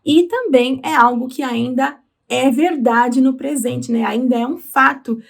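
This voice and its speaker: A woman's voice: high-pitched, creaky. Patient Brazilian woman teaching English. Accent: Brazilian Portuguese. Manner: patient, explanatory, slows down to spell out words. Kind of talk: explaining lyrics in a language lesson.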